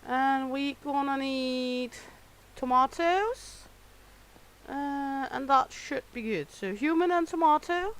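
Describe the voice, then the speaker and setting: A woman gives unhurried, drawn-out commentary while she plays a cooking game. Her voice sits a little high, and she talks to herself as she works. She curses at her customers in a teasing way. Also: poor audio. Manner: grumbling and swearing at customers. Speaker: gamer playing a cooking simulation. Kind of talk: casual gameplay commentary.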